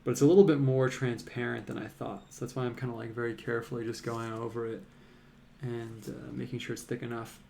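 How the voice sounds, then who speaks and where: Chill guy painting on stream, gravelly fry in his voice, rambles with lots of likes and ums. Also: medium pitch, fast talker, a little hiss or hum. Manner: rambling, relaxed, many "like"s and fillers. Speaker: artist streaming a live painting show. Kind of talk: casual live-stream chat while painting.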